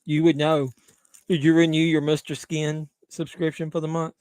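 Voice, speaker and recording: Middle-aged man, stream host, crude jokey banter, fairly high voice, dry close sound. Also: little pitch movement, moderate pace, a little mellow, clean tone, no room sound. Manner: crude, joking banter with chat. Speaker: livestream host. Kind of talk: casual watch-along chat.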